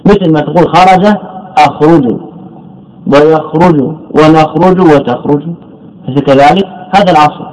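A man's voice: on the high side, moderate pace, darkish tone, rough recording. A man teaching as a sheikh in a lecture, asking the class questions, answering them himself and repeating key words. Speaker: sheikh teaching Arabic morphology. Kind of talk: classroom lecture, explaining a text.

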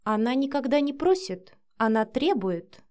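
A woman voicing a cautious middle-aged nanny in an audiobook, speaking in a measured, dry way. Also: sits high, big pitch swings, a little mellow, voice pushed up. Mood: guarded. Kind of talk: audiobook character voice.

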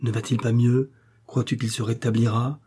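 A man's voice: mid-range voice, flat delivery, normal speed, dark tone, husky, close to an everyday voice. A man voicing a formidable, commanding innkeeper's wife in an audiobook, scolding everyone around her.

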